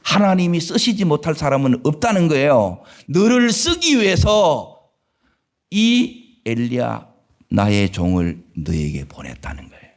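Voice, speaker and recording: A male pastor with a Gyeongsang Korean accent preaching a sermon in a church, asking the congregation questions and swinging between loud emphatic lines and low murmured asides. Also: very animated, normal speed. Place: church sanctuary.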